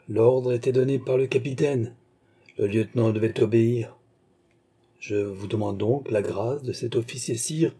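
A man's voice: mid-range voice, mellow, husky. A man reading an audiobook who voices a respectful, earnest veteran admiral, formal and pleading before his king. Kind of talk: audiobook character voice.

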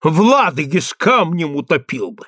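A blunt old army major, as a male reader acts him out, blustering and excitable, his voice pushed high and bouncing around. Close, dry sound. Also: moderate pace, dry recording.

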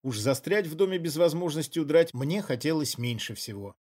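A man reading an audiobook in even, measured scripted narration. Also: fairly high pitch.

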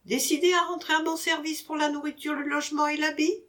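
A woman reading a storybook audiobook, voicing a witty gentleman master who teases his servant in mock-stern banter. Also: high-pitched, little pitch movement, a little fast, pitched above the performer's own voice. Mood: teasing.

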